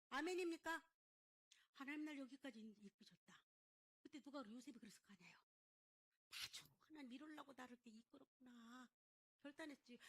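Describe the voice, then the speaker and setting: High, lively woman preaching a sermon. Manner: emphatic preaching with call-and-response questions to the congregation; acts out biblical figures' lines in dramatic voices. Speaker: pastor.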